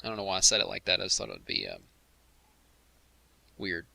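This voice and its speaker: Gravelly, bright-voiced chatty man. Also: deep voice, huge pitch swings, a little fast, dry recording. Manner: chatty, laughs easily, addresses the chat room. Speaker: host of a game commentary stream. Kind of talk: casual livestream commentary.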